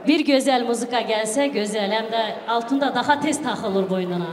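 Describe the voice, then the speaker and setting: A woman with a fairly high voice hosts a wedding party live. She announces in an exclamatory, festive manner and slips between languages as she calls guests forward. Her voice rings through a reverberant hall with a clear crowd behind. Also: moderate pace. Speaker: host of a wedding celebration. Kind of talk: live event announcing, calling guests up and urging applause.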